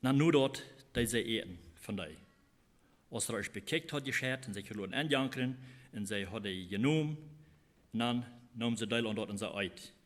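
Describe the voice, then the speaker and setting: Male preacher, mid-pitched, halting sermon delivery with repeated phrases. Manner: halting, repeats phrases while explaining scripture.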